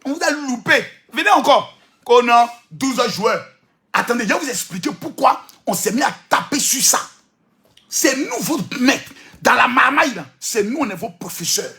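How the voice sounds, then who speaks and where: A man with an Ivorian French accent giving an animated, provocative monologue, teasing and repeating himself and often breaking into shouts. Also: very high voice, normal speed, gravelly. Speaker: social media commentator.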